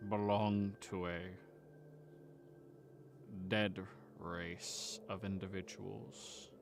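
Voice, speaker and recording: A man voicing a creepy, lanky, quietly friendly last survivor of a dead race in a tabletop game, soft-spoken and deliberate, with phlegm in his throat. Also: deep voice, little pitch movement, vocal fry, music in the background, full character voice. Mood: grave.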